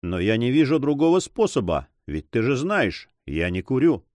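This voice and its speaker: A man's voice: mid-range voice, big pitch swings, moderate pace, darkish tone, no echo, natural voice. A man voicing a composed, resolute male buccaneer leader with a wry edge.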